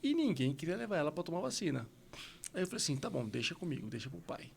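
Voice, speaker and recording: Podcast host, Brazilian man, a bit high-pitched, lively storyteller. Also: quick pace, creaky, slight background noise. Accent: Brazilian Portuguese. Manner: animated storyteller acting out quotes. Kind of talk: podcast conversation.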